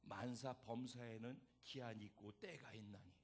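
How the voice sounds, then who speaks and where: A man preaching a sermon as pastor, dramatic and animated, acting out the voices in the story. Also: mid-range voice, moderate pace, breathy edge.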